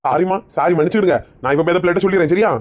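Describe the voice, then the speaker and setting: A woman with a Kanyakumari Tamil accent playing a bossy woman who organises a group tour and scolds quickly. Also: on the low side, natural voice. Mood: scolding. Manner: rapid-fire scolding.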